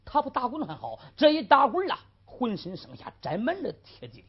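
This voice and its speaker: Lively woman storyteller, husky voice. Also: fairly high pitch, brisk. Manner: vivid, addressing the audience directly. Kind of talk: traditional storytelling. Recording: lo-fi old recording.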